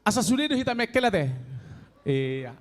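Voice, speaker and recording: A man in his sixties with a Toba Batak accent, telling a comic story in a slow, drawn-out way to an audience of elders. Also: high voice, very animated. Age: 60s. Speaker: elderly stand-up contestant. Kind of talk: stand-up comedy storytelling.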